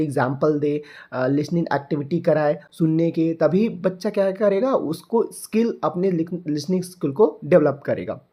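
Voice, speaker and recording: Mellow-voiced young Indian tutor lecturing. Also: male voice, fairly high pitch. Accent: Indian English. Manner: explains in Hindi mixed with English terms, repeating points. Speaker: teacher. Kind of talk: exam-prep lecture.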